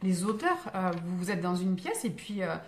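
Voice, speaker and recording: A woman's voice: lowish voice, very animated, moderate pace, a little mellow, a little hiss or hum. A woman hosting a live stream as a spiritual medium, talking casually and answering viewer comments, with many fillers, restarts and digressions in a reassuring tone. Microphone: phone.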